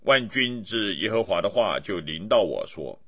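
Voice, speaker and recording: A man giving a steady, measured scripted reading of scripture. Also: on the low side. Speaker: Bible reader.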